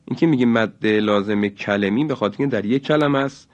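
A man gives a religious lesson on recitation, drawing out each example word slowly and deliberately. His voice sits on the low side. The recording sounds dull and lo-fi. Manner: slow, deliberate, stretches example words. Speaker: Quran recitation teacher.

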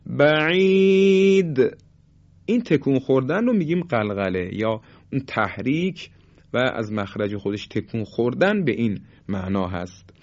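A man teaching Quran recitation in Persian, explaining each rule, then drawing out the example words slowly and firmly. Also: mid-range voice, a little mellow. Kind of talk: tajwid lesson with slow demonstrations. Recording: dull lo-fi sound.

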